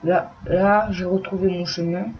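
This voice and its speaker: A man narrating a let's play in a soft voice, swearing when startled, on a dull lo-fi recording with faint noise. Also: high-pitched, flat delivery. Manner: talks softly and slowly, swears when startled. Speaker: gameplay commentator.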